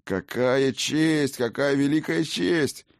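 A man voicing a portly, fawning male innkeeper who talks in a hurried, effusive way. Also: mid-range voice, creaky, dry recording, clean studio sound, voice pushed up.

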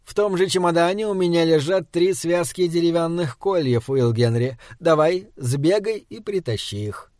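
A man reading an audiobook, voicing a brusque, sardonic grown male monster hunter who gives gruff, mocking orders. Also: a little high, normal speed, few pauses, darkish tone, no echo, clean studio sound, voice pushed up, close to an everyday voice.

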